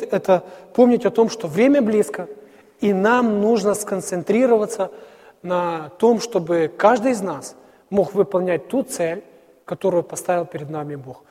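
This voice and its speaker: A man preaching an earnest sermon to a congregation, halting now and then with fillers. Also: sits high, dark tone. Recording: hall reverb.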